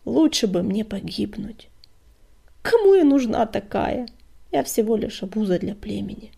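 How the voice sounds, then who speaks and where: A woman's voice: mid-range voice, expressive, normal speed, warm tone, heavily acted. A woman whispering the lines of a young lame female apprentice cat, full of shame, in a storybook reading. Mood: ashamed. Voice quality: whispered, breathy.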